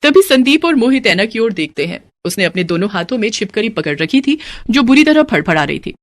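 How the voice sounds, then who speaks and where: A woman narrating a scripted family story in a plain, steady way. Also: fairly high pitch, fairly quick, no room sound.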